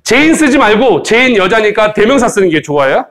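A man teaching an English grammar lesson in Korean, playful and joking with students, slowly modeling English phrases for them to repeat. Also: sits high, very animated, a bit bright. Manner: playful, joking, teasing students, sound effects. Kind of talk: lively recorded grammar lecture.

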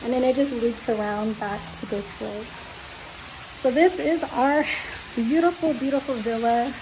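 Young woman, higher voice, enthusiastic vlogger, casual room tour, handheld phone, noisy background. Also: measured pace. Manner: gushing, enthusiastic. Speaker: travel vlogger. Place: villa rooms and outdoor terrace. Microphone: handheld phone camera.

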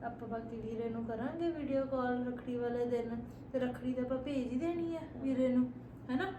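A woman's voice: fairly high pitch, brisk, reverberant, lo-fi sound, noisy background. A woman in an amateur short-film drama, speaking in a coaxing, affectionate, teasing way. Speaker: sister-in-law in a short film.

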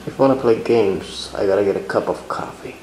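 A man's voice: fairly low pitch, brisk, a little mellow, close to an everyday voice. A man acting as a stern, impatient tough police sergeant, curt and terse in a dramatic interrogation. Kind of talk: dramatic interrogation role-play. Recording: echoey room with faint noise.

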